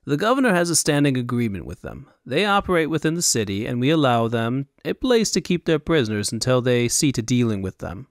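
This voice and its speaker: A man voicing a nervous male militiaman guard who talks in a hushed, wary way, in a storybook audiobook. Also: medium pitch, big pitch swings, brisk, few pauses, dry recording, clean studio sound.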